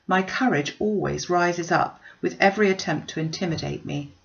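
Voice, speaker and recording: Voiced by a woman, a spirited young gentlewoman from a storybook speaks with arch wit, playful and mock-serious, teasing all the while in a mood of playful defiance. Her fairly low voice has a creaky edge, she talks at normal speed, and the recording is slightly muffled in this storybook reading.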